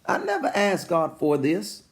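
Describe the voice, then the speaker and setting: A man's voice: high-pitched, unhurried, creaky. A man in his forties preaching a motivational sermon, congested and sniffling, calling out to his listeners and talking to God like a friend. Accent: New York. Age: 40s. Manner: animated, calls out to listeners, talks to God like a friend. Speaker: pastor. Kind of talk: live-streamed motivational sermon.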